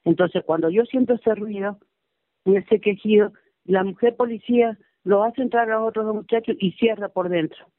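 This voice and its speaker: A woman's voice: on the low side, dry recording. A middle-aged woman calling in, recounting events in an anguished, pleading way. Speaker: caller recounting her son's arrest. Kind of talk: phone-in testimony. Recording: tinny phone line on radio.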